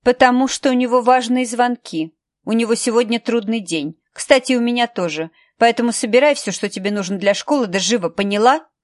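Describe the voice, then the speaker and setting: A woman's voice: fairly high pitch, a little fast, dry recording, studio quality, pitched above the performer's own voice, lightly acted. A woman voicing a cold, sarcastic female assistant who speaks mockingly with steel in her tone.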